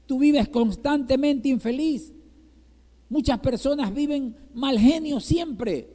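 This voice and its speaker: A man's voice: very high voice, takes it slowly, dark tone. A male pastor from Ecuador preaching a sermon in Ecuadorian Spanish, asking the congregation rhetorical questions and checking with them again and again. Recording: reverberant church hall.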